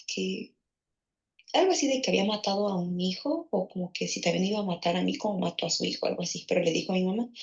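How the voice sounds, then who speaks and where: Mexican woman rambling through a memory, lots of "este" and restarts, creaky voice, muffled lo-fi sound. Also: mid-range voice, a little mellow. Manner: rambling, with many fillers and restarts. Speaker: guest in a therapy session. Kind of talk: personal storytelling.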